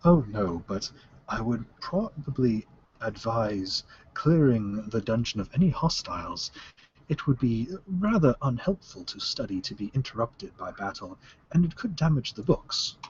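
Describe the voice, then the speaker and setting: A man's voice: mid-range voice, big pitch swings, a little slow, slight background noise. A man voicing the courteous, formal and hesitant ghost of a forgetful scholar in a tabletop game. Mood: formal, helpful. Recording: dull lo-fi audio.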